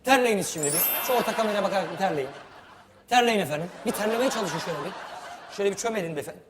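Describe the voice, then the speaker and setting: A man's voice: high voice, expressive, very fast. A man acting as a bossy mock film director, mock-formal and pompous, laughing as he gives orders. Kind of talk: comic improvised sketch. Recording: reverberant hall with loud background noise.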